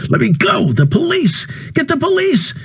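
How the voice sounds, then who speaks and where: A man voicing a panicked shopkeeper, shouting high. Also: wildly swooping pitch, moderate pace, gravelly, heavily acted. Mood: frantic. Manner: frantic shouting. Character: panicked middle-aged male shopkeeper.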